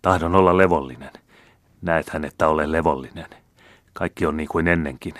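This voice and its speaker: A man doing a tense young nobleman, deep voice. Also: a bit bright, no room sound. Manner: clipped, tightly controlled. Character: tense young nobleman holding back anger.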